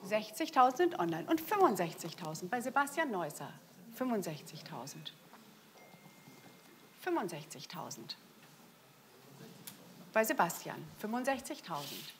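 A woman's voice: medium pitch, very animated, a little slow, long pauses, fairly bright tone, a little hiss or hum. A middle-aged woman working as an auctioneer, calling out bids live and repeating the figures with emphatic stresses. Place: indoor saleroom at a lectern. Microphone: lapel microphone.

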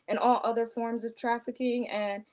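A young woman who leads a youth nonprofit, explaining its work earnestly, pausing often on a video call. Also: on the high side, little pitch movement, a little mellow. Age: young adult. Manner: earnest, informative, hesitant with fillers. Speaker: nonprofit president.

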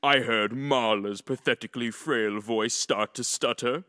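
A man narrating a first-person fan audiobook, expressive, with smug asides. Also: medium pitch, a little slow. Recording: long echoey reverb.

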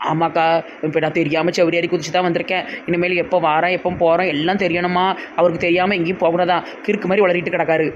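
Excitable Tirunelveli man, high and fast, lo-fi sound. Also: slight background noise. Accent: Tirunelveli Tamil. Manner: excitable and complaining. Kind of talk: comedy sketch acting. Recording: dull lo-fi sound.

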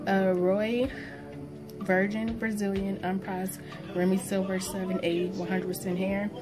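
Young woman, casual vlog review, rambling, stitched mouth after tooth extraction, mid-pitched voice, loud music behind, phone recording. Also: little pitch movement, unhurried. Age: young adult. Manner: informal, rambling. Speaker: beauty vlogger. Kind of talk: casual product review chat. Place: small indoor room. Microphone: phone propped at arm's length.

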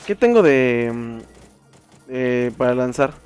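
A young man with a Mexican accent giving casual commentary while playing a video game, swearing and shouting in frustration. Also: medium pitch, expressive, slow. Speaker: gameplay streamer. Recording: faint game music behind.

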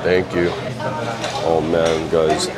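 In a busy beachside restaurant, a food vlogger in his thirties cheerfully chats about the dishes he's eating, speaking very slowly in a bass voice with little pitch movement. He wears a lapel mic, and loud piano music and chatting diners fill the background.

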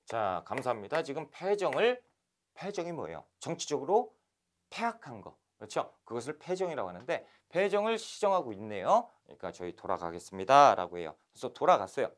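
A man from Korea giving a lively history lecture for exam candidates, telling the events as animated stories. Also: a little high, a little fast. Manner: animated storytelling, acting out scenes. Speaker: history instructor.

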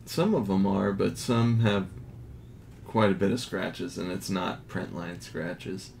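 Slow, low-voiced man listing card grades. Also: vocal fry. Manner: slow, low-key commentary, grades read in a flat list. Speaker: card collector. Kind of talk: casual unboxing narration. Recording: audible background noise.

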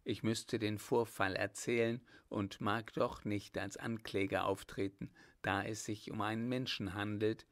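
A man's voice: fairly low pitch, flat delivery, a little slow, hardly any pauses. A man voicing a brave, ardent young male lieutenant with a firm, earnest manner. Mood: resolute.

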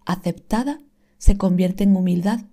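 Woman reader, calm scripted reading, mellow warm tone, unhurried delivery with hushed whispered moments. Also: medium pitch. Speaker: reader of inspirational texts.

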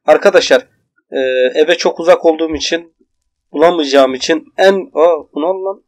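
Young male gamer, slightly high voice, loud and excitable commentary. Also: fairly quick. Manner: loud exclamations and swearing at enemies. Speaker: gaming YouTuber. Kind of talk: excited let's-play commentary.

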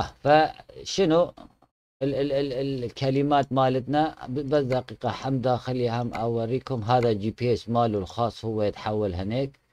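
A man's voice: mid-range voice, dark tone, no room sound. A man with an Iraqi Arabic accent giving casual game tutorial commentary, chatty and fond with viewers, often restarting his words. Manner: chatty, addresses viewers fondly, frequent restarts. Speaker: gaming channel host showing a truck mod.

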